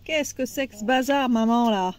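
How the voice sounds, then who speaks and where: A woman's voice: a little high, normal speed, darkish tone, a little hiss or hum, natural voice. A woman voicing the thoughts of an indignant hen who defends her coop, in huffy, outraged complaints.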